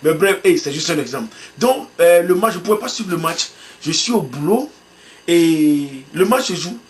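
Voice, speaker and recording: High-voiced man telling an animated story. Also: normal speed, slight background noise. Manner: animated storytelling, acts out his own excitement. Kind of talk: sermon illustration told as a story.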